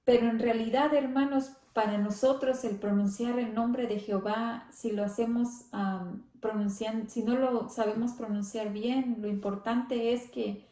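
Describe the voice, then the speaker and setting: A woman leading a church Bible study, speaking slowly and reverently, often adding amén and gloria a Dios. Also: fairly high pitch, fairly even intonation, mellow, reverberant. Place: church hall.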